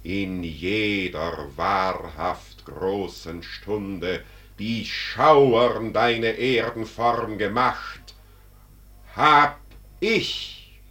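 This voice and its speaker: In a classic German radio drama, an actor plays Death as a solemn, majestic spirit, declaiming verse in a stately, commanding, exalted manner. His male voice sits on the low side but has a fairly bright tone.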